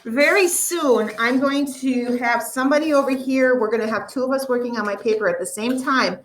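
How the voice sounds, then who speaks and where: A woman teaching a math lesson to a classroom, explaining step by step and slowly drawing out the numbers. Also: high-pitched, recorded from a distance, slight background noise, rough recording.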